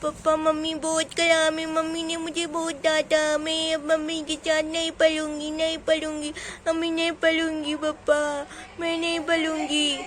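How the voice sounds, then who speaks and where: A woman doing a stubborn little girl in a doll story, wailing, voice pitched very high. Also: monotone, a little slow, fairly bright tone, a little hiss or hum. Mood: sulky. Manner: wailing, pleading. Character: small crying girl, whiny and stubborn.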